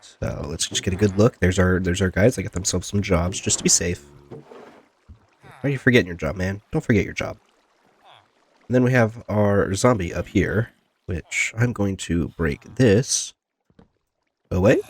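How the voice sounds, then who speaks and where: A gaming video host with a low voice talks at a normal speed with frequent pauses, his nose plugged and stuffy as he gets over a cold. His commentary is casual and rambling, often addressed to himself or to the game's characters, and a little hiss or hum sits under the recording.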